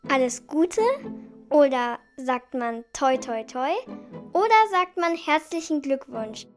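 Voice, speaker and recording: A man putting on a chirpy, squeaky helper voice that cheerfully quizzes children. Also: animated, takes it slowly, soft background music, heavily acted. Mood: cheery. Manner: cheery, questioning. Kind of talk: children's radio quiz.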